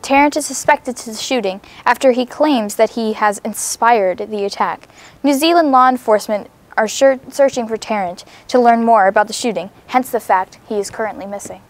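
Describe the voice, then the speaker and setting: A young female student co-anchors a mock newscast in a fairly high voice. She reads the script earnestly, stumbling now and then over words. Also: normal speed.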